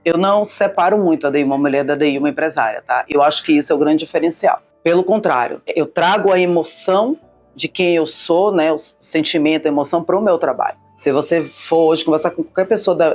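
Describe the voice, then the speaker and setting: A woman's voice: sits low, a little fast, soft background music. A middle-aged woman from Salvador, Bahia, a business owner speaking as a guest in a conversational interview, with an expansive, emphatic manner. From Salvador, Bahia, Brazil. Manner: expansive, warm-hearted, emphatic.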